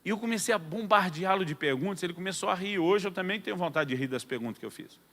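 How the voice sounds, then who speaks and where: A man preaching a sermon as a pastor, telling a personal story with humor and lively delivery. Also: high voice, fast. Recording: long hall reverb.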